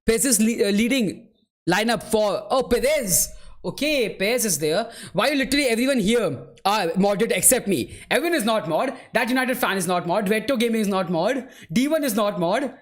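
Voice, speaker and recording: A man's voice: high voice, animated, normal speed. A man hosting a live football watchalong, calling the play and chatting casually with viewers, calling them "bro" and "man" and laughing easily. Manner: laughs easily while answering chat. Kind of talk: live match commentary and chat replies.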